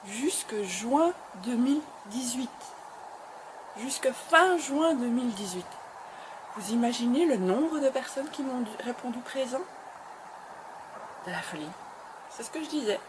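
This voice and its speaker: A Belgian woman with a voice on the high side hosts her web show, giving a motivational address to camera. She is encouraging and emphatic, often repeating phrases, with background noise present.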